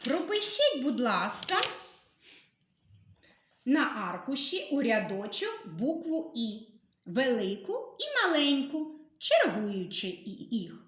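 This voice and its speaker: A woman teacher giving a literacy lesson to young children, patiently sounding out letters and syllables with careful, gentle instructions. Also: sits high, huge pitch swings, slow pace, reverberant, slight background noise.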